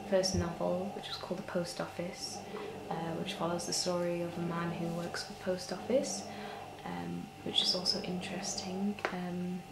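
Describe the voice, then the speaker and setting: A woman in a soft-spoken ASMR ASMR role-play as a librarian, talking in a hushed, gentle, hesitant way that nears a library soft voice. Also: fairly low pitch, flat delivery, normal speed, hardly any pauses. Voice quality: soft, hushed voice, near soft voice at times. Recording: roomy echo with clear background noise.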